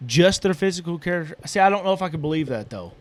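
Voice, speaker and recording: A man's voice: a little high, expressive, quick pace, dry recording. A man hosting a casual podcast chat who talks hesitantly, stumbling and repeating his words as he questions his co-host, recorded in a small building.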